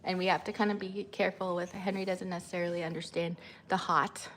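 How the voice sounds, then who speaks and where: A woman's voice: level tone, fast talker, fairly bright tone, slight background noise. A woman, chatting casually on a livestream, rambling with many fillers. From Canada. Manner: rambling with many fillers, high sing-song when coaxing her child. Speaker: vlogger and mother.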